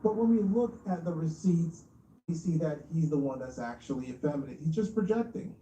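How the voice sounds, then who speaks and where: A sarcastic, smug commentator picks apart clips in a mocking exposé style, with taunting rhetorical questions. The voice is very dark and soft-edged, and the recording is dull and roomy. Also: medium pitch, expressive, fairly quick, slight background noise. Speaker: online commentary show host. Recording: echoey, dull, distant mic.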